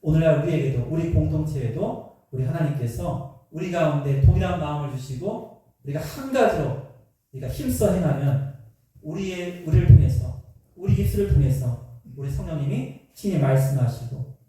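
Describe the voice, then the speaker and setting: A man preaching a Sunday afternoon sermon as pastor, animated and asking the congregation rhetorical questions. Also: on the high side, moderate pace. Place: church sanctuary. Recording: echoey church from a distant mic.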